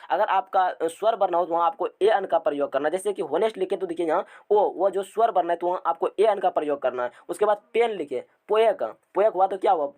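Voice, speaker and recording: A man teaching a grammar class. He repeats words and asks the students questions, and reads English rules slowly word by word. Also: high voice, a little mellow.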